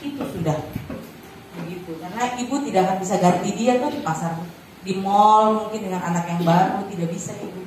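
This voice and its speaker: A woman's voice: mid-range voice, a little fast, a little mellow. A woman giving a casual workshop talk to parents, chatty and conversational, now and then acting out how a mother talks. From Batak. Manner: conversational, acts out quoted mother. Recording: echoey room, far from mic, noisy.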